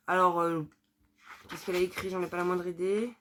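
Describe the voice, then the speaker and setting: A woman's voice: fairly low pitch, little pitch movement, fairly quick, fairly bright tone, slight background noise. A young woman chatting casually about her books, candid and thinking aloud with lots of fillers. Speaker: book vlogger. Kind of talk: casual chat.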